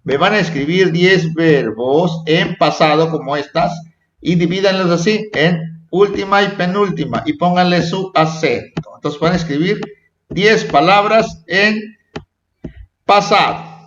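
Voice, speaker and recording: A man's voice: high-pitched, measured pace, fairly bright tone, a little hiss or hum. A man teaching a children's class, repeating himself and checking in with the kids. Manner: repetitive, checking in with "¿sí?" and "¿eh?". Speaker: primary school teacher. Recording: echoey dull lo-fi room recording.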